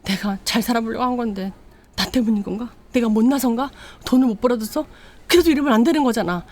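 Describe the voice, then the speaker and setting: A woman's voice: mid-range voice, animated, fast talker, darkish tone, husky. A woman voicing a young husband who sounds hurt and indignant in a retold story. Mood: pleading.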